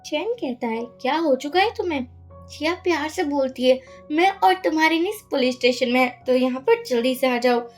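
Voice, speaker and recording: A woman with a high voice recaps a drama in a chatty, storytelling way. Quiet music plays underneath her. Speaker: narrator.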